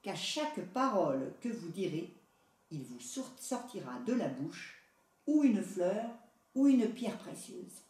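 A woman reading aloud and voicing a calm, measured fairy who grants gifts. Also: medium pitch. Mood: solemn. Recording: echoey room, voice far from mic.

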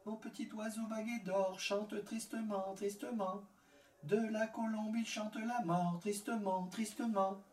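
A man's voice: sits high, fairly even intonation, unhurried, a little mellow, slight background noise, pitched above the performer's own voice. A young maiden, voiced by a male narrator, singing a mournful, sing-song lament in a raised voice. The sound is distant, in an echoey room. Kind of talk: storybook reading. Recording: echoey room, far from the mic.

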